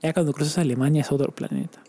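A man's voice: on the high side, rapid-fire, warm tone. A man co-hosting a podcast in casual chat, telling travel stories with animation and playfully mimicking foreign words. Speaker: podcast co-host.

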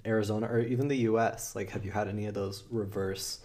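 A man's voice: lowish voice, fairly even intonation, fast, darkish tone. Podcast host man reacting with exclamations. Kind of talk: casual chat.

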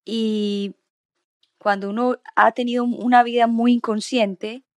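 A woman's voice: fairly high pitch, little pitch movement, measured pace, dry recording, studio quality. A woman hosting a casual conversation, speaking reflectively and slipping English fillers into her Spanish.

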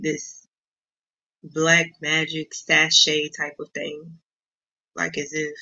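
Woman guest, gravelly and bright, halting delivery, dull lo-fi recording. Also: low voice. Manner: hesitant, many pauses and ums. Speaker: guest sharing her story. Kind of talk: casual interview talk.

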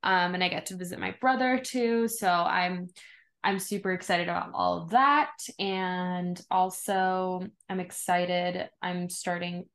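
A woman with a voice a little lower than average chats casually as a podcast co-host. Her talk is informal and loose, with swearing and plenty of "like". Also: fairly even intonation, unhurried, a bit bright. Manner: informal, profane, frequent "like".

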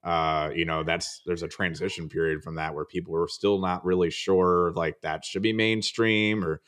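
Deep-voiced podcast host asking questions. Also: male voice, fairly even intonation, moderate pace, fairly bright tone, clean tone. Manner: asks loose, searching questions with fillers. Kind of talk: casual interview.

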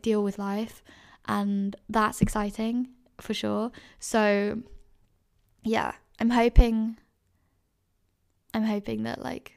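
Podcast host, woman, early twenties: chatty advice talk, filler-heavy, vocal fry. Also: medium pitch. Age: 20s. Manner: chatty, many fillers and self-corrections. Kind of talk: casual advice chat.

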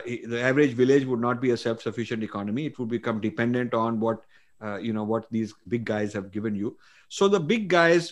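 A middle-aged man from India, an author answering interview questions earnestly and emphatically, with frequent fillers and restarts. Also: mid-range voice.

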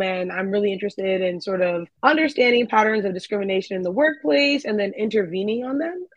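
A woman's voice: mid-range voice, no room sound. Earnest young woman, muffled dry sound. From born in Ghana, raised in Maryland, USA. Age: 20s. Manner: earnest, thoughtful, with frequent fillers. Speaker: guest, policy and economics student. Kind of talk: conversational interview answers.

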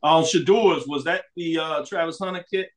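Higher-pitched male sports show host. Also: normal speed. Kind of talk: sports talk hosting.

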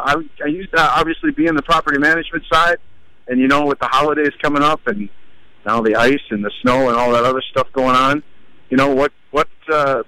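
A man's voice: mid-range voice, bright, forceful tone, no room sound, poor audio. A man calling in over the phone to a talk show, chatting casually and freely with fillers. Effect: heard over the phone. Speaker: caller. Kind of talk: call-in chat.

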